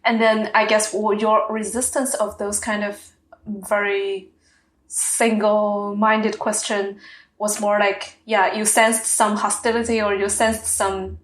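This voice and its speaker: A woman's voice: medium pitch, little pitch movement, slow, echoey room, poor audio. A woman hosting a podcast interview, reflecting back her guest's words with searching, affirming phrasing. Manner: warm affirming, frequent "yeah"s, searching phrasing. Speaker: podcast host. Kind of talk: interview conversation.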